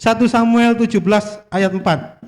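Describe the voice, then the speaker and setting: A man preaches a sermon in a church, joking with the congregation and putting questions to it. His voice sits high, and it carries a long reverb from the hall. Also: steady tone, normal speed. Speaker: guest preacher.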